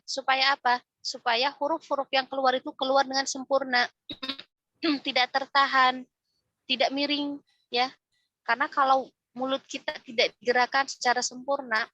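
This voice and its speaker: A woman's voice: high-pitched, pushed and bright, no room sound, lo-fi sound. A woman teaching a religious class on Quran recitation, explaining step by step and often ending phrases with a questioning "ya". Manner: explains step by step, frequent tag "ya", demonstrates recitation aloud.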